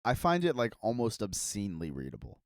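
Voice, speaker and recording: A man's voice: lowish voice, huge pitch swings, fairly quick, no echo, clean studio sound. A man co-hosting a podcast in casual chat, laid-back and full of fillers. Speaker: podcast co-host.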